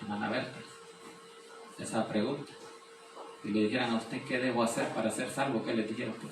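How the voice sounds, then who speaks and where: A man's voice: medium pitch, steady tone, fairly quick. A man preaching a sermon, explaining scripture, reading verses aloud and asking rhetorical questions. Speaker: pastor. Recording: very echoey room, distant mic, faint noise.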